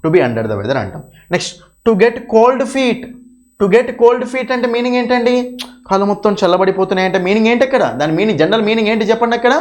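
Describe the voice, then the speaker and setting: High-voiced man teaching. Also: lively intonation, fast talker. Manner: repeats points, quizzes the class with frequent checks. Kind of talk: exam revision lecture.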